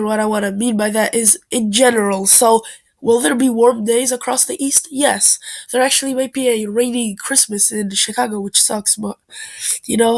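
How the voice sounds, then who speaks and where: Congested, nasal woman, somewhat high voice. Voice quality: nasal, stuffed-up sound. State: congested, stuffy nose from a bad cold. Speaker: amateur weather forecast vlogger. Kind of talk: informal explanatory video narration.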